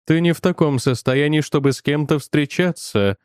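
A man voicing a stern, mocking inner voice that urges a troubled man toward violence, speaking low and slow. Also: a little mellow, smooth, dry recording, clean studio sound, close to an everyday voice. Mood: insistent. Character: stern menacing inner voice, male, urging violence.

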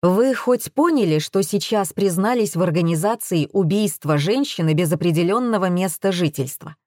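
A woman's voice: lowish voice, expressive, normal speed, dark tone, no room sound, clean studio sound, close to an everyday voice. A woman voicing an authoritative man who sharply accuses a suspect. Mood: accusing.

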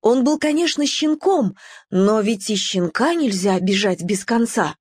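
A woman narrating a children's storybook in an expressive reading voice. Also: medium pitch, measured pace, slightly rough, no room sound, clean studio sound. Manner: expressive, varied pacing.

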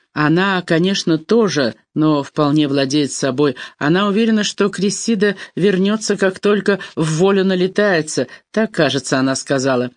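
A reader doing a calm, low young man. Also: no echo, clean studio sound, close to an everyday voice. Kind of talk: audiobook dialogue.

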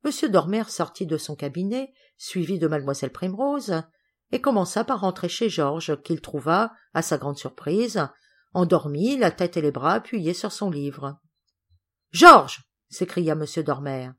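A woman reading a classic children's novel aloud as an audiobook narrator, measured and clear. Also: fairly low pitch, lively intonation. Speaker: audiobook reader. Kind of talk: storybook narration.

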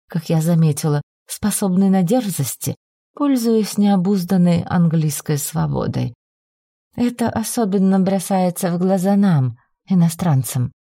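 A woman's voice: on the low side, dark tone, no room sound, studio quality. A woman voicing an imperious, cruel foreign noblewoman who speaks haughtily and turns frenzied and threatening.

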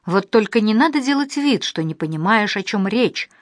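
A cold, soulless male blackmailer played by a woman reader hisses threats over the phone in an audiobook thriller. His tone is unpleasant and rude, and the close, dry recording gives the menace no room to soften. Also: medium pitch, lively intonation, moderate pace, dry recording, close to an everyday voice. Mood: threatening.

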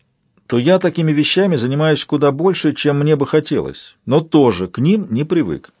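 Quiet, dry-spoken detective with a husky voice, read by a man, audiobook figure. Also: fairly high pitch, lively intonation, normal speed, no room sound, pitched above the performer's own voice. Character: calm, weary male detective.

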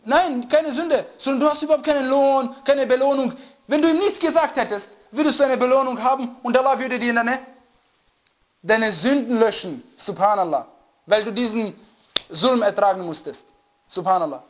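A man giving a religious lecture who often stops to search for the right word and checks whether listeners follow. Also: extremely high pitch. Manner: often pauses to search for German words; asks listeners to confirm they follow. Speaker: religious teacher. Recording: dull lo-fi recording.

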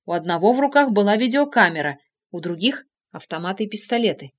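A woman narrating a humorous novel as an audiobook, lively and expressive. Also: medium pitch, quick pace.

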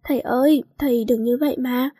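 A bratty, mischievous schoolgirl who begs in a whiny voice and turns sweet and sly in turns, as a woman narrating a storybook puts her on. Her voice is high and a little breathy. The sound is close and dry. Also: steady tone, fairly quick, warm tone, no room sound. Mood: fake sweet. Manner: whining, pleading, sly.

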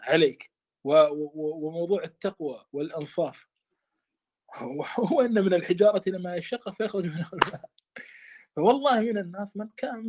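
A man's voice: sits high, darkish tone. A man teaching a study lesson on a classical text, speaking with passion and often stammering and repeating words.

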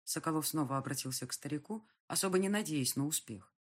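A woman narrating a novel in a steady storytelling voice. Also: sits low, fast talker, breathy edge. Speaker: audiobook narrator. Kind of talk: scripted narration.

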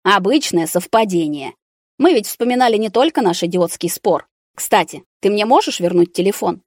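A woman voicing a bitter, angry young man confined to a hospital ward, speaking sharply and at times shouting. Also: medium pitch, lively intonation, moderate pace, no room sound, studio quality, close to an everyday voice.

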